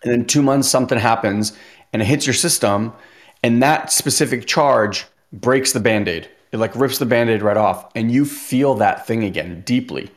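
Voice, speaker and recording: A man's voice: medium pitch, moderate pace. A man hosting a podcast in casual talk, chatty, saying "like" often and acting out little quotes. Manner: chatty, says "like" a lot, acts out quotes. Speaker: podcast host.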